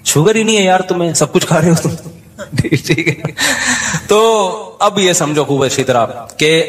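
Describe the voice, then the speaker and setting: A man giving a humorous religious talk, telling stories with jokes and laughing at his own punchlines. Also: fairly high pitch. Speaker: Islamic scholar giving a talk.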